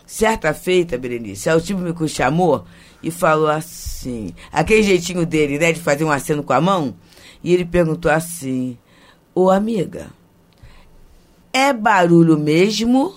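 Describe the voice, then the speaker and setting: A woman who is a spiritist medium, telling a personal story in a measured, thoughtful, teaching tone. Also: low voice.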